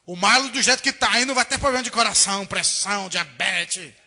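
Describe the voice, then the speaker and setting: High, bright-voiced Brazilian pastor preaching. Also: male voice, brisk. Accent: Brazilian Portuguese. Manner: animated, acts out quoted voices. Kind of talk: sermon. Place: church sanctuary. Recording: echoey church hall recording.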